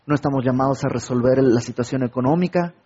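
A man's voice: medium pitch, fast talker, mellow, breathy edge, muffled recording. A man preaching a sermon, asking his listeners questions and acting out little everyday conversations. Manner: rhetorical questions and acted-out everyday dialogue.

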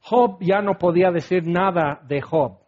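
A man preaching a sermon, animated and acting out scenes, then sinking into soft prayerful tones. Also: sits high, unhurried. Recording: dull lo-fi recording.

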